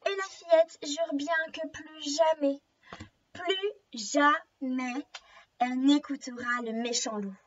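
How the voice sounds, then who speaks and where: A teacher reading a story aloud to young children, slowly and gently, stopping to explain words and ask questions. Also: female voice, high voice, fairly even intonation. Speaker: preschool teacher. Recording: slightly dull lo-fi recording.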